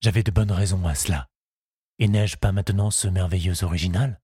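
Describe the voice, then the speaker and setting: A suave, wry baron, read by a man speaks with calm composure in a read-aloud story. The voice is low and husky. The sound is dry and close. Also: a little fast, no room sound. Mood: composed.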